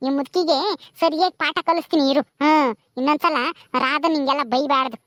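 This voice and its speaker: A woman voicing the ghost of a dead first wife, scolding and vengeful, in a lower voice. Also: steady tone, a little fast, fairly bright tone, no room sound, clean studio sound.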